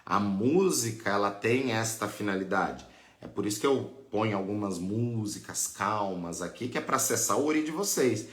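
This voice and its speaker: A man's voice: fairly low pitch, animated, moderate pace, fairly bright tone, echoey room. A man with a Brazilian accent, a priest and teacher explaining patiently as he answers questions on a live lesson. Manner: patient, explanatory, adds "né?" and "tá?" often.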